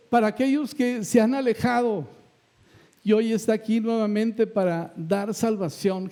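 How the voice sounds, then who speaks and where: A man's voice: sits high, warm tone. A male pastor preaching a sermon with emphatic, repeated phrases.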